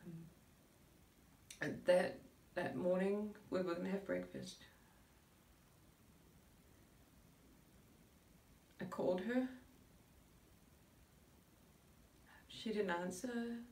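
A woman's voice: medium pitch, a little mellow, close to an everyday voice. A middle-aged woman playing a grieving, bewildered mother in a dramatic monologue, a searching soliloquy that halts and gropes for words. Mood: halting, distressed. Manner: searching soliloquy, halting with long pauses, groping for words. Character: grieving mother recalling her daughter's decline, subdued and bewildered. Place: indoor room before a curtain, recorded from a few feet. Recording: roomy echo, distant microphone.

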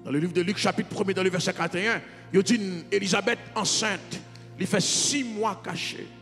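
A man's voice: high-pitched, normal speed, fairly bright tone. A man with a Haitian accent, a pastor preaching a fervent, sing-song sermon. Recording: reverberant hall with music behind.

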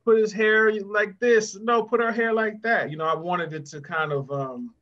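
A middle-aged guest author speaks with children on a video call, his high voice fairly bright and moderately paced. In an encouraging question-and-answer chat, he talks to them directly and uses their names. The call audio is dull and muffled.

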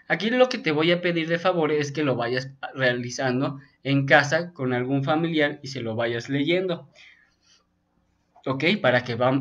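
A man's voice: fairly high pitch, a bit bright. A male teacher, patiently walking young students through a textbook in an online class and often checking in with "ok?". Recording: dull lo-fi sound.

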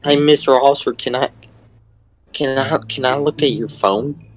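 A man's voice: mid-range voice, moderate pace, soft background music, natural voice. A man playing a rowdy, goofy redneck, scheming and childlike, in an improvised video game role-play.

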